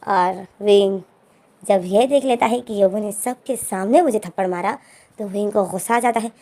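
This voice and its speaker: A woman's voice: mid-range voice, normal speed, warm tone. A woman casually retelling a fan fiction story in a chatty, conversational way with fillers.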